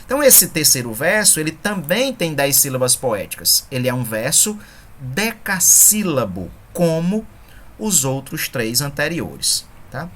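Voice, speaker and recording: A woman's voice: low-pitched, big pitch swings, a little slow. A woman teaching an online lesson on poetic scansion, explaining patiently and counting syllables aloud one by one. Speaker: poetry teacher.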